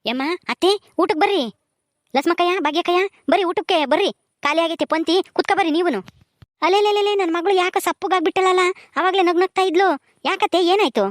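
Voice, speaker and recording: A woman's voice: extremely high pitch, fast, dry recording, studio quality. A woman playing a caring young village daughter-in-law. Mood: inviting. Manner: coaxing, caring, inviting. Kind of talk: village family drama acting.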